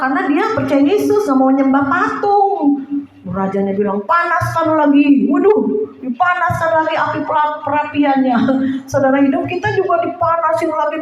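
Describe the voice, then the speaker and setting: Higher-voiced woman preacher, lively sermon delivery, booming church echo. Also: slight background noise. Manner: animated preaching, addresses listeners as brothers and sisters, acts out quoted voices. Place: church hall. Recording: very echoey hall, dull lo-fi sound.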